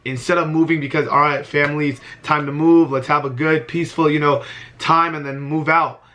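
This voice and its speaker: A man's voice: a little high, steady tone, a little fast, pushed and bright. A man in his early twenties talking earnestly to camera in a heartfelt vlog, often repeating himself for emphasis. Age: 20s. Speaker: vlogger.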